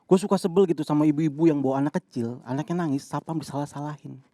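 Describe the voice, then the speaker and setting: A high-pitched man delivers a punchy stand-up set. He acts out the characters in his story. The sound is dry and close to the mic. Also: fast talker, mellow, dry recording. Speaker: stand-up comedian.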